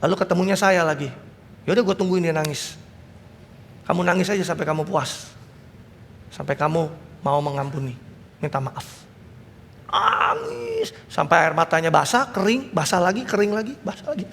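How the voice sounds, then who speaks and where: A high-voiced male pastor with a gravelly, fry-heavy tone preaches in a long-reverb church hall. He speaks in a lively storytelling style and acts out family dialogue, with faint noise behind him. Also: normal speed, pauses often. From Indonesia. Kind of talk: sermon.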